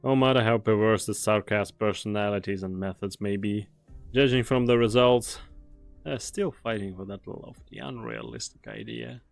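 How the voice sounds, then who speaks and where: Voicing a world-weary mercenary ally for an anime game dub, a man speaks in a fairly low, grave, deliberate way, fatalistic yet dutiful. His delivery is animated, the recording dry with no room sound and faint music underneath. He comes across as resolute and somber.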